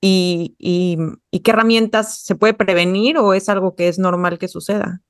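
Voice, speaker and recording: A woman's voice: medium pitch, steady tone, normal speed, clear, resonant tone, no room sound, clean studio sound. A woman hosting a podcast, chatting casually and asking long, winding questions. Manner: asks long, rambling questions. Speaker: podcast host.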